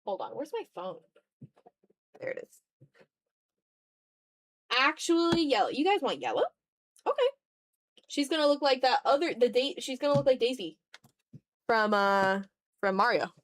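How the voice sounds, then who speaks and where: In a high, sing-song voice, unhurried and full of pauses, a woman draws on her livestream and chats away. The streamer and digital artist is slangy and playful, addressing herself and her viewers by turns.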